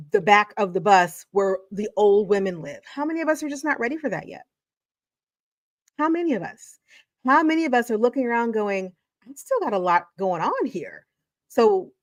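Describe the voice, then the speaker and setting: A woman educator and channel host, in her forties or fifties, gives emphatic, motivational video commentary and repeats phrases for effect. Her voice is medium-pitched with no room sound.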